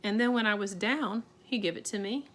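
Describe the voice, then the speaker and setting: A woman reading aloud and voicing a tiny, plain-spoken borrower father who talks in homely, ungrammatical phrases with calm reassurance. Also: mid-range voice, brisk, close to an everyday voice. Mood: steady.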